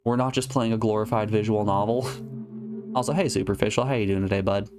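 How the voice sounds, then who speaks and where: A man's voice: lowish voice, fairly even intonation, fast. A man streaming a video game live, reading its dialogue aloud and chatting with viewers. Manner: chatty, reads game text aloud and talks to chat. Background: game music.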